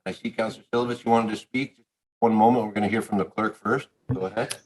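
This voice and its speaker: A man's voice: lowish voice, steady tone. Man on glitching, static-broken call audio. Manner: halting, with many restarts and fillers. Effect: audio breaking up with staccato static. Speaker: acting mayor chairing a council meeting. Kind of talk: formal meeting procedure. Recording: quiet, distant voice too far from the mic.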